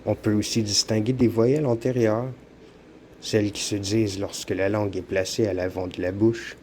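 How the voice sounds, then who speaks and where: A man with a Quebec French accent narrates an educational lesson in a slow, measured reading. His voice sits on the low side with a dark, mellow tone. Faint background noise sits under the recording. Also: steady tone. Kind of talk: scripted narration.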